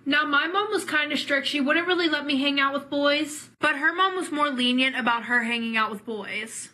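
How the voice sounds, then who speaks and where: A woman's voice: high-pitched, moderate pace, pushed and bright. A young woman telling a casual storytime in a blunt, matter-of-fact way, with some swearing.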